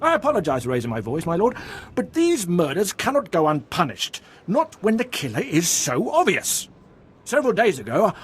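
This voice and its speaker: An outraged townsman from a video game cries out for justice. His voice sits high and swings widely in pitch, and every demand comes out insistent and emphatic. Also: fairly bright tone, slight background noise.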